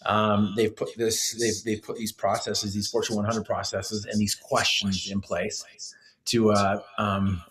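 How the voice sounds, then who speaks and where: A man with a fairly low voice talks earnestly in an interview, explaining his coaching tools. He often restarts and fills pauses with "uh" and "you know.". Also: flat delivery, a bit bright, low-quality recording. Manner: earnest, many fillers and restarts. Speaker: motivational speaker, guest. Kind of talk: casual interview talk.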